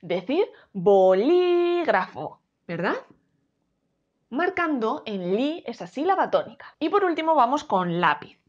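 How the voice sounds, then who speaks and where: A woman teaching a grammar lesson, slowly spelling out syllables. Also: sits high, sing-song. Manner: clear, drawn-out syllables for teaching. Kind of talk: explaining a Spanish grammar lesson. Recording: dull lo-fi sound.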